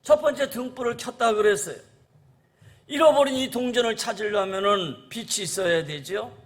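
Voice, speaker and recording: A man's voice: high voice, normal speed. A male pastor preaching a sermon to his congregation, earnest and repetitive, often calling out to the listeners and reading scripture aloud. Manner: earnest preaching, repeats "라는 거예요" endings; addresses the congregation as "여러분".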